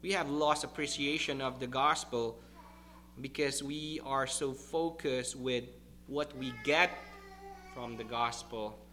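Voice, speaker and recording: Slow emphatic preaching man. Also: mid-range voice, fairly even intonation, sharp tone. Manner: emphatic, deliberate preaching with stressed repeated words. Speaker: pastor. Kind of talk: sermon.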